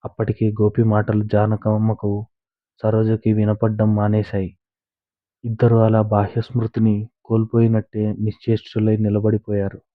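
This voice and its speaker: A man narrating a moral story in a steady, even storytelling manner, recorded on a tinny, dry line. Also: on the low side, moderate pace, no echo.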